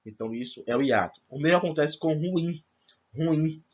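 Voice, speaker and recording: A man's voice: on the high side, expressive, a little fast, slightly rough, highs cut off. A man teaching a grammar lesson to first-year students, explaining step by step and checking in with his class. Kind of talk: recorded remote class lesson.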